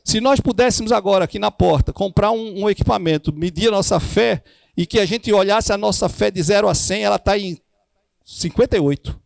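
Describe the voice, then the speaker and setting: Male church teacher with a Northeastern Brazilian accent, preachy, slightly high and gravelly, dry close mic. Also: fairly quick, dry recording. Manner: preachy, acts out dialogue. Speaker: discipleship teacher.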